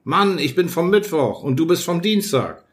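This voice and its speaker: A man voicing a space traveler's impatient future self, insistent and hurried in an audiobook reading. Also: fairly high pitch, lively intonation, pitched above the performer's own voice, lightly acted. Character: male space traveler, his own Wednesday self, impatient. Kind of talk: audiobook character voice.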